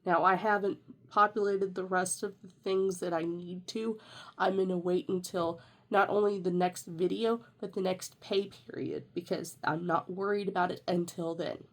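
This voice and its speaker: Going over her budget planner, a young woman chats casually despite a sinus infection that makes her voice congested and nasal. It's a lowish voice with fairly even intonation at a moderate pace, and she rambles, using fillers and fixing her own wording.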